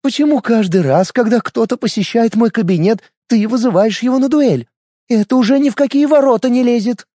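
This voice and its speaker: A man's voice: extremely high pitch, animated, moderate pace, hardly any pauses, warm tone, no echo, studio quality, pitched above the performer's own voice. A man voicing a stern woman school director who scolds a student, in an audiobook. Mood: scolding. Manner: scolding, rising exasperation.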